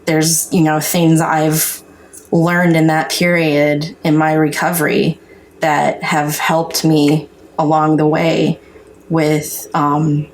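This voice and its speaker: Low-voiced North Dakota woman, candid. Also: completely flat delivery, slow pace, slight background noise, rough recording. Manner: frank, earnest, with salty language. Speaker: podcast guest sharing recovery story. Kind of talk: candid personal testimony in casual chat.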